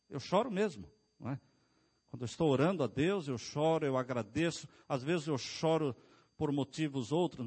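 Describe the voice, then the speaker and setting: A man's voice: fairly high pitch, husky. A man preaching as a pastor, asking his congregation rhetorical questions. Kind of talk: sermon.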